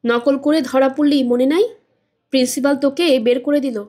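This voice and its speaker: A woman's voice: high-pitched, steady tone, moderate pace, warm tone, lightly acted. A woman voicing a stubborn, scolding older mother in a storybook reading.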